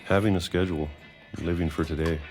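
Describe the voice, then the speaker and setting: An actor playing a middle-aged recluse who has lived underground for decades, speaking slowly and wearily with quiet resolve. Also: male voice, low voice, steady tone, faint music behind, lightly acted. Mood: weary. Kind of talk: game voice acting.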